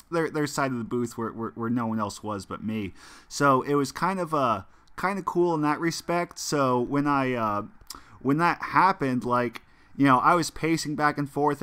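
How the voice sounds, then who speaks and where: A young man from the United States streams a mobile football game, rambling to his viewers with lots of fillers and restarts as he plays. His mid-range voice sounds fairly bright, clear, and resonant.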